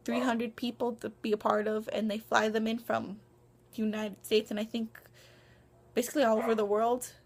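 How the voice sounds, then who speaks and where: A woman's voice: a little high, little pitch movement, moderate pace. A young woman vlogging to camera in a casual, rambling way, with many ums, restarts and self-conscious asides. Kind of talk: casual vlog monologue. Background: dog barking.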